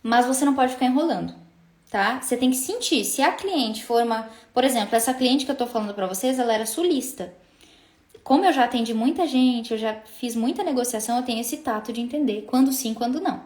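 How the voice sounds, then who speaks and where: A woman's voice: fairly high pitch, a little fast, a little mellow, reverberant. A Brazilian woman coaching singers in a casual live stream, chatty, full of tag questions and restarts. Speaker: singing business coach.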